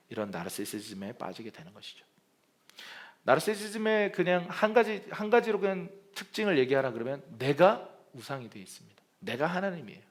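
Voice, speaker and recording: A man preaching a Sunday sermon as pastor, animated and acting out the dialogue in different voices. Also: mid-range voice.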